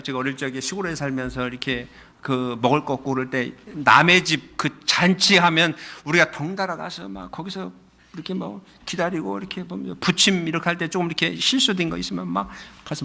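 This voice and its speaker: A middle-aged man preaching a Sunday sermon as pastor, putting questions to the congregation and repeating phrases, moving between soft low lines and sudden high, loud stresses. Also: creaky.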